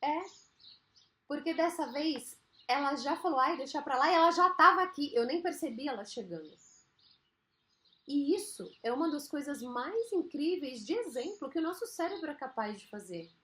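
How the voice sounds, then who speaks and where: A Brazilian woman with a fairly high voice talks straight to her listeners in a motivational podcast. Her delivery is chatty and emphatic, with casual slang dropped in along the way. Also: animated, moderate pace, fairly bright tone. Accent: Brazilian Portuguese. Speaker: podcast host.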